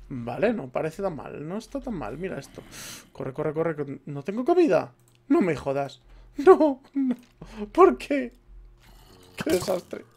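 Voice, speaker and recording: Swearing Spaniard gamer muttering while playing. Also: male voice, on the high side, a little mellow, a little hiss or hum. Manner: swears a lot, mutters to himself. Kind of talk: let's play commentary.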